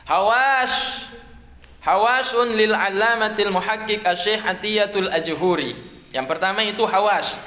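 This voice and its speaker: In an echoey classroom, a middle-aged man lectures his religious studies class in a high, bright, forceful voice. He's chatty and jokes with the students, often repeating words as he explains.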